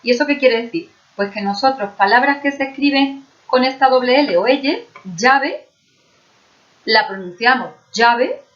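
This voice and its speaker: A woman's voice: sits high, steady tone, normal speed, dull audio. A woman with an Andalusian Spanish accent teaching a video lesson, explaining step by step and often checking in with her students. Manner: explains patiently, checks understanding with frequent "¿vale?".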